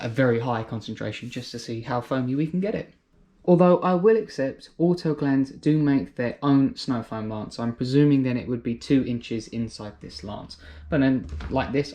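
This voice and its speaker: A man's voice: mid-range voice, darkish tone. A man giving a casual product review, chatty and thinking aloud as he explains. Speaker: car care reviewer.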